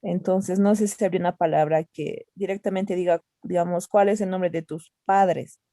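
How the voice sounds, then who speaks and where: A woman's voice: lowish voice, fairly even intonation, moderate pace, mellow, no echo, clean studio sound. A woman student asking a question in an online class. She talks hesitantly, with fillers.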